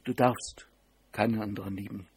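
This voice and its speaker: A man's voice: fairly low pitch, fairly even intonation, moderate pace, slightly rough, pitched below the performer's own voice. A man doing a shy young man whispering. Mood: hushed. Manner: quiet whispering.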